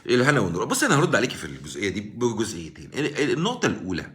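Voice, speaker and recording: An Egyptian-accented man talks fast on his live stream and argues his case to the viewers. His pitch swings widely from high to low, and his voice sounds bright and forceful. He calls out viewers by name as he answers them. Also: wildly swooping pitch. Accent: Egyptian Arabic. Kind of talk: casual political commentary on a live stream. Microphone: live-stream mic.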